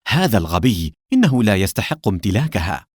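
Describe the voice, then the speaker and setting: Guy doing sly secret agent guy faking anger, deepish voice, swings around a lot, dry close sound. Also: sing-song, fast, darkish tone, no room sound. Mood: feigned anger. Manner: mock-angry, theatrical. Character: cunning male secret agent feigning anger.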